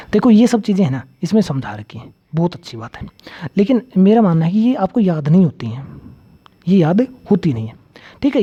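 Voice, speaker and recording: A man's voice: high voice, dark tone, highs cut off. A man teaching an exam-prep grammar lecture, repeating key terms and asking and answering his own questions.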